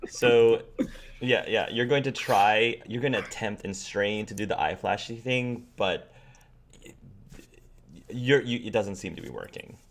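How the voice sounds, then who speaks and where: A man's voice: on the low side, measured pace, a little hiss or hum. A man narrating a tabletop game as game master in a casual, conversational way.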